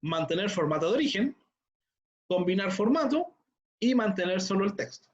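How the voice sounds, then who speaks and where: With a high voice full of big pitch swings and a moderate pace, a man teaches an online tutorial. Each step gets a patient explanation, he keeps checking in with students, and the sound is dull lo-fi computer audio.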